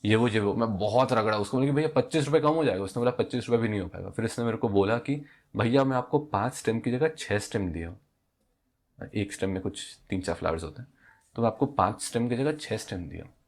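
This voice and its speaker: A young man telling a story from his day in casual chat, acting out both sides of the dialogue. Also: fast talker. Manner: animated, acts out dialogue with rising pitch. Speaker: vlogger.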